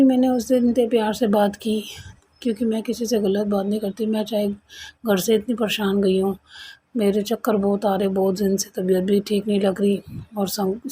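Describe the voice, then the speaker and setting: A woman's voice: mid-range voice, warm tone, slightly rough. A woman earnestly recounting a personal experience to a congregation, in a casual storytelling way with retold dialogue. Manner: earnest, conversational, retells quoted dialogue. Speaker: devotee sharing experience.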